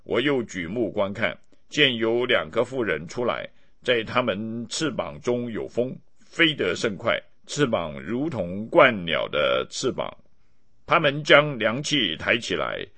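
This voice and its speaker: A man giving a steady, measured scripted reading of scripture. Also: on the low side. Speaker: Bible reader.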